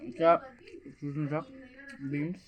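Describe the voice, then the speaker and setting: A young man, slightly hoarse, chatting casually to viewers in a daily vlog and often asking if they are following. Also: a little high, flat delivery, slow pace, dull audio. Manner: chatty, keeps asking "ঠিক আছে?". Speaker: vlogger. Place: outdoors in a village, fields and lanes. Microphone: handheld phone.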